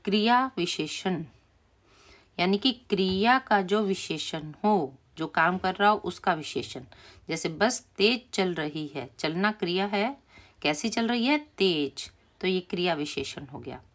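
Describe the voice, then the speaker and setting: Slow, patient woman teacher. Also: lowish voice, expressive. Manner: slow and patient, repeating key words. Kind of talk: explaining a primary school Hindi lesson.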